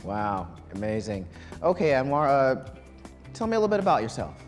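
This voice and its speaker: A man's voice: medium pitch, sing-song, fairly quick, faint music behind. A man hosting a live student quiz show in a college broadcast studio, chatting loosely with many ums and restarts. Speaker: game show host.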